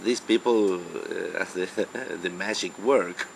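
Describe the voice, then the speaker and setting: A man's voice: deep voice, slow, gravelly, a little hiss or hum. A man who is a native Spanish speaker, interviewing casually in accented English and often searching for words.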